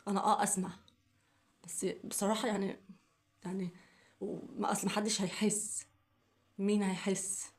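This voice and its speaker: Her voice sits in the mid range, a little mellow, with little pitch movement and a normal pace broken by frequent pauses. The young Egyptian Arabic-accented woman is vlogging about something personal and painful, coughing repeatedly, upset, and pleading as she repeats her questions over and over.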